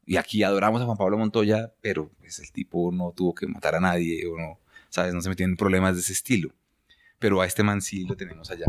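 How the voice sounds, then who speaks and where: A man's voice: sits low, fairly even intonation, fairly quick. A Colombian man with a Colombian accent, speaking as a guest photographer in a casual interview. He talks with passion and firm opinions and often restarts his sentences.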